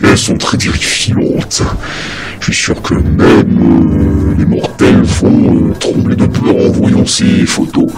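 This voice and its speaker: A man voicing a dark, mocking villain who hosts a video game challenge, taunting theatrically in a croaky growl. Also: rumbling low, expressive, takes it slowly, full character voice. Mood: sinister, gloating. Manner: taunting, theatrical, hesitant delivery. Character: dark male villain sneering at mortals and mocking his victim. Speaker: challenge host of a gaming video. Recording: loud music behind the voice.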